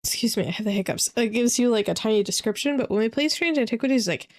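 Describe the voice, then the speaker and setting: A woman's voice: fairly high pitch, expressive, quick pace. Rambling woman streamer chatting casually. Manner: rambling, hesitant, many fillers and restarts. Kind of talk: casual gaming stream chat. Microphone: desk microphone.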